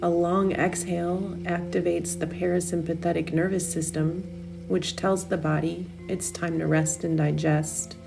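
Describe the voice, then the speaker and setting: Slow, creaky-voiced woman guiding meditation. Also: lowish voice, level tone, over music. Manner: soothing, unhurried instruction with long pauses. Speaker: meditation guide. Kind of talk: guided meditation narration.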